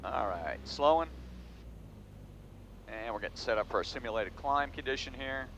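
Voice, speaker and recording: A male pilot talks through flight maneuvers in a matter-of-fact, technical way, with clipped callouts and a lively, varied pitch. He is recorded in a small airplane cockpit, with dull sound and loud engine drone behind him. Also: normal speed. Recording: dull audio, loud aircraft cabin noise. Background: engine and cabin drone.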